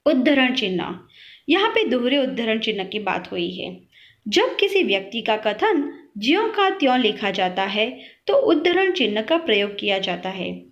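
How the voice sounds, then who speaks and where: A woman teacher talks through a recorded grammar lesson at an unhurried, careful pace, her fairly high voice rising and falling a lot as she reads out example sentences. The recording is dull and lo-fi. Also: very animated. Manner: slow, clear, explanatory teaching with read-out examples. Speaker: school teacher.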